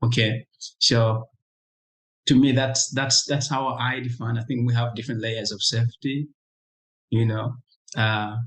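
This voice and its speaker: A young man from Congo shares his story as an interview guest. He talks in a reflective, unhurried way, often pausing and restarting phrases. His voice sits at an ordinary middle pitch. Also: little pitch movement, a bit bright, poor audio. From Democratic Republic of Congo. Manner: reflective, halting, many restarts and "you know".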